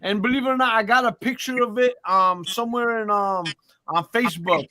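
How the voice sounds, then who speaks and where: In a high-pitched voice at a brisk pace, a man who calls himself a boxing historian chats excitedly with a group. He stammers and curses without restraint.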